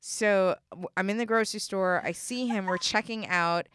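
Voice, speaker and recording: A woman's voice: mid-range voice, normal speed, fairly bright tone, clear, resonant tone, no echo, studio quality. Yonkers-accented woman telling a story. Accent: Yonkers New York. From Yonkers, New York. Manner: lots of "like" fillers, laid-back storyteller. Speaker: podcast co-host. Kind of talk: casual chat, storytelling.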